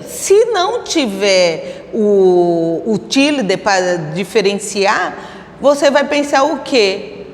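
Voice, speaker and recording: A woman's voice: on the high side, roomy sound, long reverb tail. A Brazilian Portuguese-speaking woman teaching a Spanish grammar lesson, explaining step by step and asking her students rhetorical questions.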